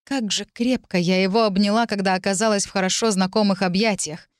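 A woman narrates a first-person audiobook in a measured, emotive voice at a middle pitch. The recording is close and completely dry. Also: steady tone, dry recording.

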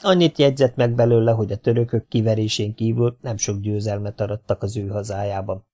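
A man narrating a children's novel as an audiobook, telling the story in a lively, wry way. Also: on the low side.

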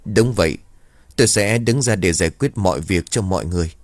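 A man voicing a calm, resolute young exorcist. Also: deep voice, fairly quick, dry recording, clean studio sound. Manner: calm, firm, assured.

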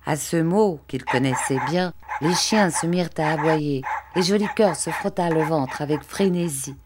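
A woman narrates a classic novel in a measured, expressive reading. Her voice sits low in pitch for a woman. She takes her time and shapes each sentence with care. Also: very noisy. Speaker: audiobook narrator. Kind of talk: literary audiobook narration.

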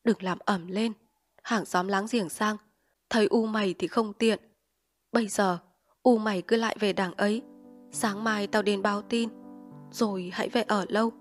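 A woman's voice: medium pitch, fairly even intonation, moderate pace, pauses often, soft background music, natural voice. A woman voicing a poor, grieving peasant husband who talks bluntly in plain country speech, weary and urgent, in a storybook reading.

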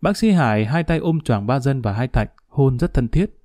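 A man narrating a crime story in a steady, measured storytelling voice. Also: medium pitch, no echo, clean studio sound.

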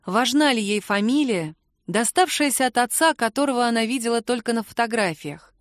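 A woman narrating a romance novel as an audiobook reader, calm and even. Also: a little high, brisk, no echo. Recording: dry close studio sound.

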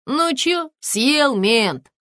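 A brash young street thug, put on by a woman reading an audiobook, loud and crude with his slang. The voice jumps up high and swings widely, recorded dry and close. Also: animated, normal speed, no room sound, lightly acted. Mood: brash gloating.

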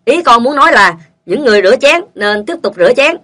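A woman's voice: fairly high pitch, expressive, fast talker, a bit bright. A woman reading short funny stories aloud and voicing their characters. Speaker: joke reader.

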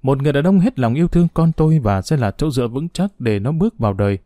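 A man's voice: medium pitch, animated, fast, mellow, no room sound, clean studio sound. A man reading a first-person story aloud in an earnest, scripted narration.

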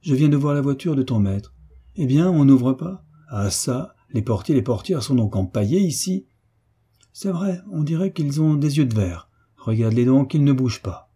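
A man reading an audiobook and voicing a brash, loud, mocking male footman, pitched well above his own voice. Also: animated, normal speed, husky.

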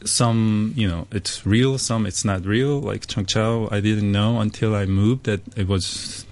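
A man's voice: on the low side, steady tone, unhurried, a little mellow. A man from South Korea, a native Korean speaker, talking about his art as a guest in a radio interview, with many fillers and restarts. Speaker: artist guest.

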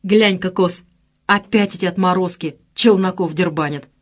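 A woman's voice: on the low side, normal speed, lightly acted. A woman voicing a sly young male gangster who comments with a wry, mocking tone.

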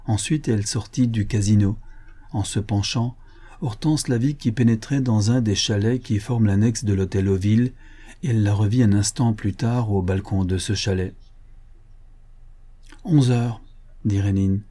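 Dark husky male audiobook narrator. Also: moderate pace. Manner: steady reading, raising pitch for dialogue. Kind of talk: scripted narration of a detective story.

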